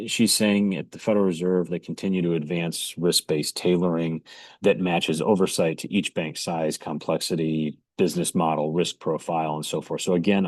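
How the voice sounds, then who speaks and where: A man giving informal explanatory commentary in a measured, hesitant way with frequent pauses. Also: sits low, no echo.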